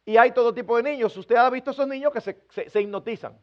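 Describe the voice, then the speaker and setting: A pastor with an extremely high-pitched voice talks fast through an earnest sermon, humorously acting out scenes of parents scolding children for his congregation. The audio sounds dull.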